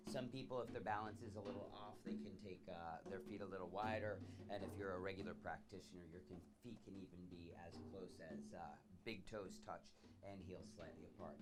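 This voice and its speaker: A man teaching yoga in a TV studio, calmly cueing poses and joking now and then. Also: low voice, a little fast, few pauses, loud music behind the voice. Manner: calm, joking.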